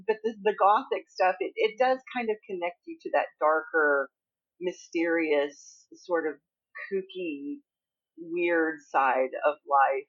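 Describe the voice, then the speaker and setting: A guest writer with an Appalachian Southern accent and a lowish voice tells stories slowly in a casual conversation. She is chatty, laughs often, and restarts many times, and the recording is muffled.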